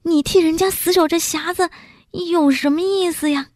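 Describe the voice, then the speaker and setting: A woman's voice: extremely high pitch, fairly even intonation, moderate pace, a little mellow, no echo, studio quality, voice pushed up. Woman doing a sly coaxing man. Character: scheming middle-aged man, smooth talker.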